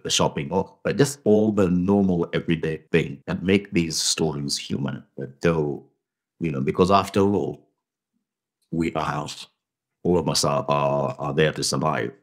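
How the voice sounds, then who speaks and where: A man with a remarkably deep, low voice answers questions on a podcast. He is middle-aged and reflective, often repeating a word or starting over while he searches for the right phrase. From Tanzanian family, grew up in Zimbabwe. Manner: thoughtful, halting, many restarts and repetitions. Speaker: guest actor. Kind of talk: conversational podcast interview.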